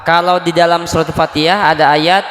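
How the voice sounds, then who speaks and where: A man's voice: a little high, little pitch movement, fairly quick, a bit bright. A man teaching Quran recitation to a neighborhood study group, explaining patiently and asking the class questions. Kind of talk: religious lesson. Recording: echoey hall with faint music.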